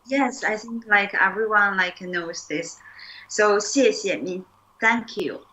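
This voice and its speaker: A young woman leads an easygoing one-on-one language lesson. Her voice is bright and her pace slow and unhurried. She explains patiently, with plenty of "like" and "um", and models each new word slowly. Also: mid-range voice, rough recording. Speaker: Chinese teacher.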